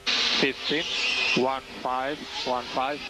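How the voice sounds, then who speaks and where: Over a very noisy team radio transmission, a race engineer gives clipped, factual updates, repeating key phrases for clarity. His medium-pitched voice is flat and very slow.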